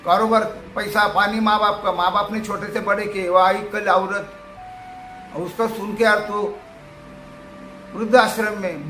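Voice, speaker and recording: A man's voice: high-pitched, pushed and bright, roomy sound. A man giving an emphatic, preachy monologue and telling stories in casual talk. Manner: emphatic, preachy, storytelling with acted quotes.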